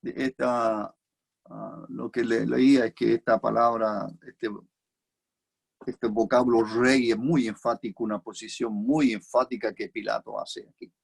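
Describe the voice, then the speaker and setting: A man's voice: medium pitch, steady tone, measured pace, vocal fry, slightly rough. A man with a Chilean Spanish accent preaching an expository sermon, reflective and repeating key phrases for emphasis.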